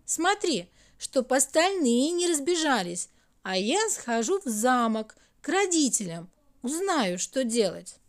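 A woman's voice: high voice, very animated, measured pace. A woman voicing a young male hour, a bossy, grumbling boy in a storybook tale. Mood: scolding.

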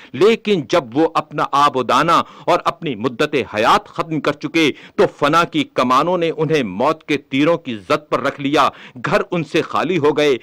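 A man's voice: on the high side, fairly bright tone, dry recording. Man reading a sacred text, dry sound. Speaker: reader of a religious text. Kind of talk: reading a religious book aloud.

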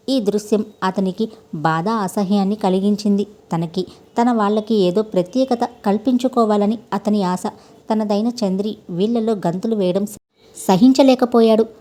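A woman storyteller reading a scripted tale with steady, measured delivery. Her voice is mellow and soft-edged, neither high nor low. The reading stays calm and even throughout.

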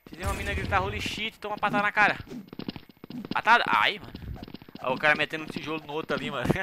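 A young man with a Brazilian Portuguese accent giving excitable, slangy commentary over his shooter gameplay. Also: fairly high pitch, fast. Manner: excitable, slangy, shouts at the game. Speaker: gaming channel host. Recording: gunfire noise under voice. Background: game gunfire.

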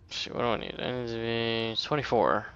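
A man's voice: medium pitch, vocal fry, noisy background. A man giving casual, rambling commentary over a video game, swearing often and mocking himself. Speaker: let's play gamer.

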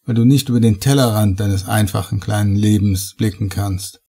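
Obsessive archaeologist, fervent and worshipful, raspy dark voice done by a male reader for a horror audiobook. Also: on the low side, steady tone, normal speed. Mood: rapturous.

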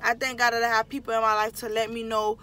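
A woman vlogger speaking straight to her camera with a bright, forceful voice pitched a little high. She is effusive and excitable, circles back over the same phrases, and rushes ahead in quick bursts. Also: clean tone. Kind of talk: heartfelt talk to camera.

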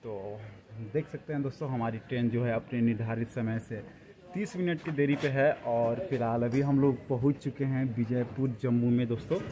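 A young adult travel vlogger with a medium-pitched voice films into a phone held at arm's length, first inside a train and then outdoors at a busy railway station. Chatty and casual, he keeps calling his viewers friends, while loud noise from the moving train and station fills the background.

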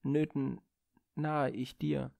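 Earnest young guy pleading with his godly dad, a man reading it, a bit gravelly. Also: mid-range voice, flat delivery, slow, a little mellow, no room sound, studio quality. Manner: hesitant and pleading. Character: Phaethon, a proud, earnest young man, son of the sun.

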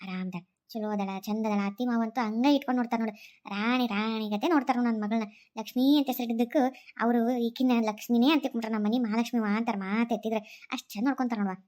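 A woman's voice: fairly high pitch, steady tone, rapid-fire, a little mellow, voice pushed down, lightly acted. A woman voicing an older village mother with a North Karnataka Kannada accent, for a cartoon story. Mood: content. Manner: homely rural chatter, wailing laments. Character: older village mother, gentle, later grief-stricken.

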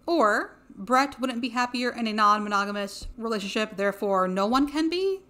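A woman commentary host with a slightly high voice and a critical, dryly sarcastic delivery. Her voice sounds a little strained and hoarse as she pushes back point by point. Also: animated, moderate pace, pushed and bright. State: losing her voice. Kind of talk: reaction commentary.

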